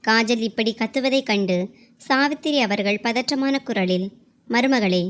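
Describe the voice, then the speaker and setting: A woman storyteller giving scripted, measured narration of a family drama. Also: on the high side.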